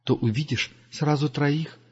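A man's voice: on the high side, fairly even intonation, measured pace, slightly rough, pitched above the performer's own voice. A man voicing a composed, matter-of-fact young woman. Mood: calm. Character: calm confident young woman. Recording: dull lo-fi recording.

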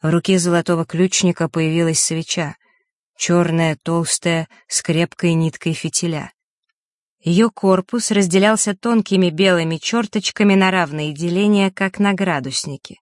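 Steady, dry audiobook narrator. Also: mid-range voice, normal speed, dry recording. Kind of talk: scripted narration.

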